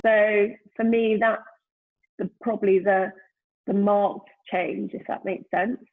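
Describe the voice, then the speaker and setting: Speaking slowly in a medium-pitched voice with fairly even intonation, a woman in her fifties reflects casually as a guest; she founded a brand. Her thoughtful search for words brings many "you know"s, and the remote lockdown call sounds tinny and phone-like.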